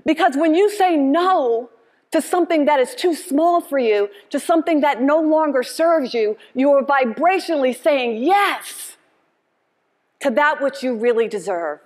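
Before an audience on an indoor conference stage, a middle-aged woman gives a motivational keynote built on call and response, emphatic and passionate, with preacher-like repeated phrases. Her voice sits high and is a little mellow, with lively intonation, a measured pace and a long reverb tail.

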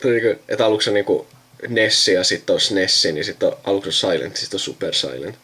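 A young man's low, bright, forceful voice with a husky quality rambles in casual chat, thinking aloud and often trailing off mid-sentence. He's a video host recording himself with a friend indoors at a computer.

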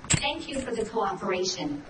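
A woman voicing a calm, formal automated announcer in a video game, giving scripted system messages. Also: mid-range voice, moderate pace, lightly acted. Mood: formal, impersonal. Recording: echoey, distant, heavy noise over it.

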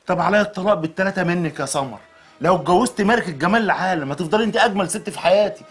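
Egyptian husband, teasing, coaxing, quick delivery, music behind. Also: male voice, sits high, husky. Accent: Egyptian Arabic. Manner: joking and coaxing, lively. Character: working-class Egyptian husband, teasing, sweet-talking his wife. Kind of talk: TV drama acting.

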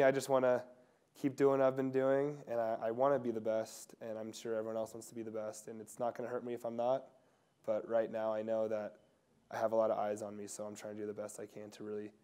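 Soft-spoken young man, smooth low voice. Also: completely flat delivery, fast talker. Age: young adult. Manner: casual, soft-spoken, many fillers and restarts. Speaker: pro skier interviewee. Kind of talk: reflective interview answers. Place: indoor lodge room.

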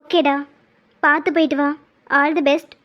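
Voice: high voice, level tone, a little slow. A performer voicing an elderly, doting grandmother in a cartoon. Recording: dull lo-fi sound.

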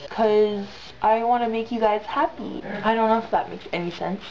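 A young vlogger with a fairly high, darkish, stuffed-up voice talks at normal speed to her camera while sick, rambling in slang and repeating things emphatically. The setting is a small bedroom, with her on the bed, and the arm's-length built-in camera mic yields dull, lo-fi sound with a little noise.

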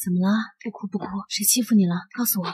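A soft-spoken young woman teacher who teases and coaxes, her voice light and a touch husky, done by a man narrating a comic. She is heard dry and close, with no room around her. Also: high voice, rapid-fire, no echo. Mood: soothing. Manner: soft, coaxing, teasing.

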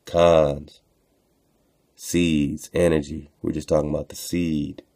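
Slow and mellow, this man's bass voice stays level in tone, with no room sound. Hosting a radio show, he reads texts aloud with informal remarks in a preacher-like, rhetorical style, repeating phrases for emphasis.

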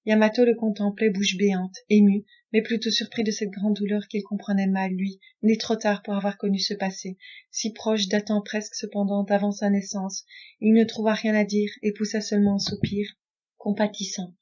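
A woman narrating a classic novel as an audiobook in a measured storytelling manner. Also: mid-range voice, flat delivery, a little mellow, lo-fi sound. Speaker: audiobook reader.

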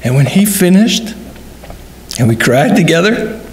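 A man's voice: a little high, sing-song, measured pace, slight background noise. A middle-aged man, a pastor, preaching at a funeral service in a church, telling a story earnestly and voicing the dialogue in shifting tones. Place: church sanctuary.

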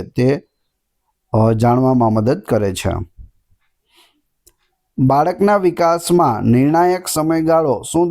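Male exam tutor, reads questions then answers them, mellow tone, slightly high-pitched. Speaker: exam prep teacher.

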